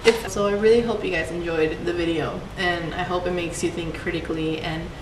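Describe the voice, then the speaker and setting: Speaking a little fast in a fairly low, steady voice, a young adult student from Puerto Rico shares personal stories for a class project, chatting with plenty of fillers. The recording sounds echoey and distant, with noise behind her.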